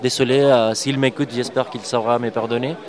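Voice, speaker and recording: A man's voice: medium pitch, steady tone, fairly quick, a crowd in the background. A comic book artist, a man, answering interview questions hesitantly with frequent fillers. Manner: hesitant, frequent fillers, apologizes for his speech.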